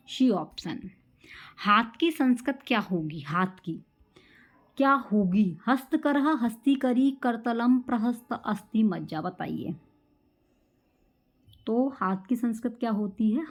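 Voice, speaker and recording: A woman's voice: a little high, darkish tone. Female teacher, quizzing exam-prep lesson, close mic. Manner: quizzing, drills answers with catchphrases.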